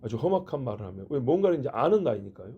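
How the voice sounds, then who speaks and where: A man's voice: mid-range voice, very animated, racing, breathy edge, dull audio. A middle-aged male pastor giving a sermon in a conversational way, asking rhetorical questions and making joking asides. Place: church.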